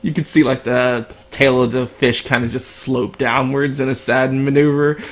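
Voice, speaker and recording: A man's voice: medium pitch, fairly even intonation, normal speed. A man narrating a tabletop game in a loose, chatty way, amused at his own descriptions. Faint music sits behind him. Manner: chatty, laughs while describing. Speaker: tabletop player.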